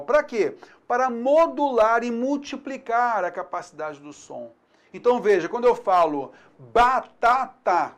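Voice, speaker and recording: A man with a Brazilian accent teaching a video lesson, chatty and often checking in with the viewer, sounding out syllables slowly. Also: sits high.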